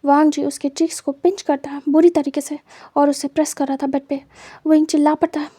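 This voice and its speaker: A woman reading fan fiction aloud in a plain, steady storytelling manner. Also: sits high, a little fast, no echo, clean studio sound.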